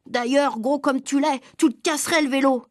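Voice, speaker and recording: A woman voicing a proud, boastful father who squabbles with his neighbor, speaking lower and softer than her own narration. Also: fairly even intonation, normal speed, dry recording, clean studio sound, lightly acted. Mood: boastful, bickering. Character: boastful middle-aged dad, proud and quick to bicker.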